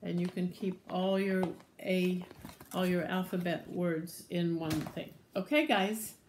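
A woman teacher reads a picture book to young children at an unhurried pace. She is animated, with gasps and soft whispered asides, and she encourages the little ones to join in. A faint hiss sits behind her voice. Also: fairly low pitch. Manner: gentle, encouraging, talks to the children directly.

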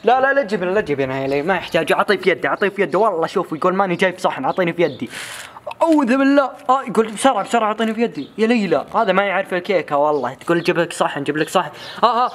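Brief: man, excited family-vlog commentary, very quick, noisy home recording. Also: high voice. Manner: rapid, playful, teasing narration with many calls and repeats. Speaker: family vlogger filming his child.

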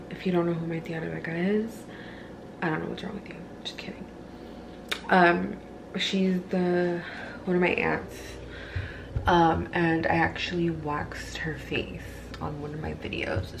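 A young woman with a hoarse voice chatting casually in a vlog about her new business, often dropping to a soft half-whisper. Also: lowish voice, unhurried, background noise. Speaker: vlogger, sugaring business owner. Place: in a car in traffic.

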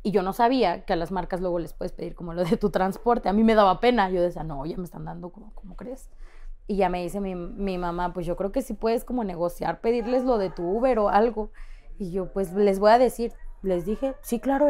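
As a podcast guest in a casual storytelling interview, a young woman with a Mexican Spanish accent tells personal stories with liveliness, acting out the voices of people she quotes. Her voice is medium-pitched and fairly quick.

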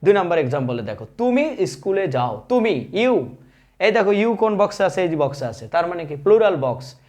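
High-voiced man teaching spoken English. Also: very animated, brisk, a little mellow. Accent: Bangladeshi. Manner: explains grammar step by step, often quizzing his viewers.

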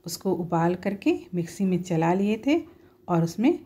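A woman's voice: fairly low pitch, expressive, measured pace, mellow, husky. Homely woman talking through a recipe. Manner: homely, instructive, often says "dekhiye". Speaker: home cooking host. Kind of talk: step-by-step cooking voice-over.

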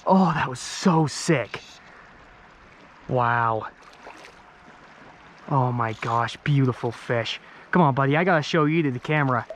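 A young man in a casual outdoor vlog, chatting excitedly to his viewers, calling them guys. His voice sits at an everyday middle pitch, caught on an action camera with a faint hiss of wind and open air behind him. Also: measured pace, long pauses. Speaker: fishing vlogger. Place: riverbank outdoors, then inside a truck camper.

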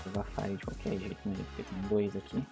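Brazilian guy streaming a game, raspy low fry in his voice, headset mic, chill slangy chatter. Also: completely flat delivery, fast, music in the background. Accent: Brazilian Portuguese. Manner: slangy, laid-back chatter to viewers. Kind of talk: casual gameplay commentary on a livestream. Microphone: livestream headset microphone.

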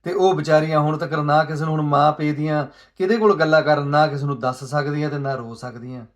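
A man giving an earnest, pleading social commentary monologue, asking rhetorical questions and moving between soft asides and raised emphasis. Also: fairly high pitch, fairly even intonation, quick pace.

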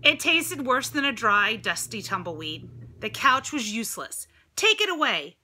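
A teacher, a middle-aged American woman, reads a picture book to kids at normal speed in a slightly high, very animated voice that's pushed and bright. Expressive throughout, she chats and asks her listeners questions. She is recorded by a phone or tablet at arm's length inside a home room featuring a dresser and ceiling fan.

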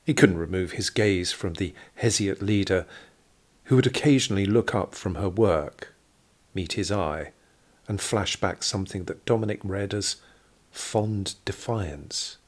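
A man with a low, husky voice reads scripted literary narration for an audio drama, telling the story at a measured pace.

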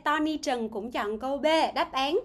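During a livestreamed grammar lesson, a female English teacher reads viewers' answers aloud, quizzes them, and repeats words at a slow pace. She has a high voice.

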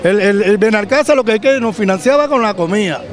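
High-voiced Venezuelan man complaining. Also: expressive, brisk. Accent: Venezuelan Spanish. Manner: urgent, repetitive complaint. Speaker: cooperative member. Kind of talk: street interview. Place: city plaza outdoors. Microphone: handheld reporter mic.

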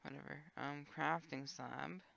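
Gravelly lady streamer mumbling thru a block game, slow and dry, dull lo-fi mic. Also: steady tone, fairly bright tone, no room sound. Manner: thinking aloud, low-key and wry, trailing filler words. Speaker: streamer playing a sandbox game. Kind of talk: casual gameplay commentary.

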